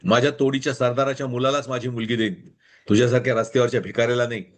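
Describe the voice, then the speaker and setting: A man's voice: medium pitch, level tone, racing, lightly acted. A man voicing an arrogant, proud chieftain who bellows with scorn, in a storybook reading. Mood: scornful.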